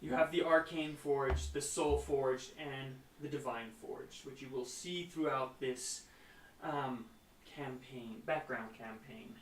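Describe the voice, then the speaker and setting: Slow-talking man running a tabletop game. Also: medium pitch, steady tone, recorded from a distance, a little hiss or hum. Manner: laughing, chatty. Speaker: game master. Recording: echoey room, off mic.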